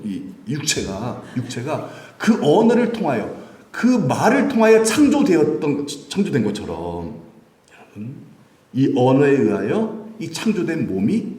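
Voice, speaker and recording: A man's voice: mid-range voice, a little mellow. A male pastor preaching a Sunday sermon, asking his congregation questions and answering them himself. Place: church sanctuary. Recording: echoey church from a distance.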